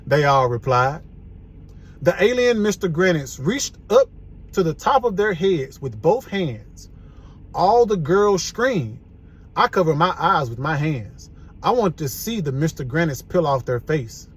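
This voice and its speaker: A man reading a children's chapter book aloud in a playful, animated way. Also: fairly high pitch, husky. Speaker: storybook reader.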